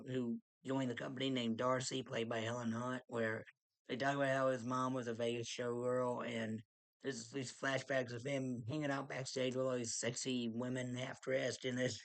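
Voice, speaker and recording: A man casually reviewing a movie, rambling with frequent restarts and small chuckles. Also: mid-range voice.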